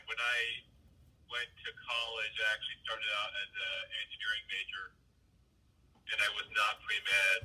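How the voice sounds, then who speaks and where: A man heard on a speakerphone call from his car, sitting back from the phone so he sounds distant. His voice is low, very bright and edgy, and a bit husky. He explains things patiently in plain words and often restarts his sentences. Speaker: physician interviewee. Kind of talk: casual phone interview. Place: car, while driving.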